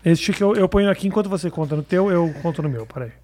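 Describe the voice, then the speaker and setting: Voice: medium pitch, fast, mellow. A co-host, bantering and teasing in casual podcast talk. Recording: noisy background.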